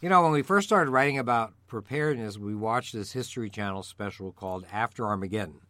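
A middle-aged man with a gravelly, mildly hoarse voice, co-hosting and explaining in a measured, conversational way. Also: fairly low pitch, bright, forceful tone, no echo. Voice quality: gravelly voice from a passing illness. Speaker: co-host of a survival medicine show.

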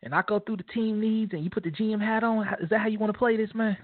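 A man co-hosting a casual sports talk show, animated and joking, leaning on "man" at the end of his lines. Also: high-pitched, fast talker, dry recording. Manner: animated trash talk, laughing, repeats "man". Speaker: podcast co-host. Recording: dry, phone-like lo-fi audio.

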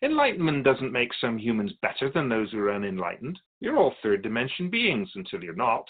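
An actor guesting in a radio drama plays an otherworldly keeper of souls, calm and wise, who teaches in a measured, explanatory manner. The male voice is medium-pitched, and the mood is calm and instructive. The audio sounds narrow and tinny.

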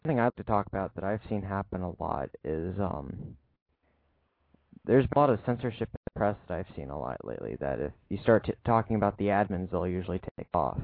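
A man's voice: low voice, animated, fast talker, creaky, no echo. A man calling in to a show over the phone, rambling and losing his train of thought. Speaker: caller. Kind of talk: casual call-in chat. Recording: tinny dry phone line.

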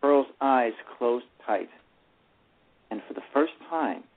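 Heard through a tinny phone-line radio broadcast, a man with a medium-pitched voice narrates a live radio play, animated but taking it slowly. He frequently stumbles and restarts his words.

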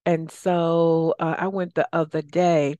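A woman's voice: deep voice, little pitch movement, slow pace, dark tone, dry recording, lo-fi sound. A woman speaking casually as the solo host of a coaching show, rambling conversationally with asides. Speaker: podcast host and life coach.

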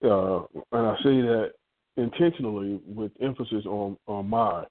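A man co-hosting a casual faith-based talk show, candid and joking, telling animated stories. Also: lowish voice, normal speed, no echo, narrow, tinny audio. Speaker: podcast co-host.

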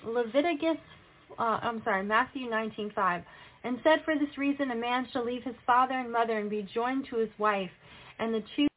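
A woman's voice: a little high, a little fast. A woman delivering religious prophecy and scripture in a solemn, admonishing manner. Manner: solemn, admonishing, rhetorical questions. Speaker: self-styled prophetess delivering a message as God. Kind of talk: prophetic proclamation and scripture reading. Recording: tinny, phone-like narrow-band audio.

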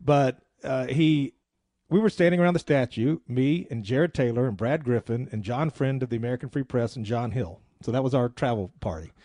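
A man's voice: mid-range voice, brisk, dark tone, no room sound. Chatty man telling a long story. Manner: rambling anecdotes with many fillers and restarts. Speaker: radio talk show host. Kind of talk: casual radio talk, storytelling.

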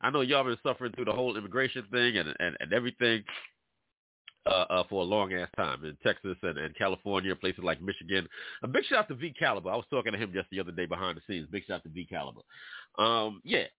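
Speaking fast in a low voice, this allergy-congested New Yorker runs an internet radio show and rants casually to his audience. His monologue is animated and preachy, aimed directly at listeners. There's no room sound; the audio is dry and tinny, like a phone line.

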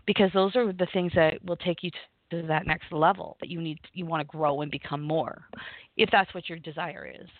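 A woman's voice: low-pitched, steady tone, normal speed, dry recording. A woman from Canada, a guest songwriter, giving earnest, brief interview answers. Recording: dry tinny call audio.

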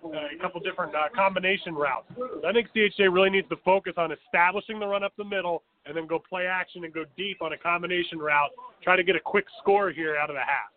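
A man's voice: high voice, fast, narrow, tinny audio. A man giving analytical game commentary as a color commentator, breaking down tactics. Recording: thin radio-like broadcast sound.

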